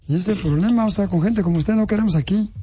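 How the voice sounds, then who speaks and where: A radio prank caller who poses as a utility official in a mock-official, needling and insulting way. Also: male voice, high-pitched, fast, background noise. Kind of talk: prank phone call.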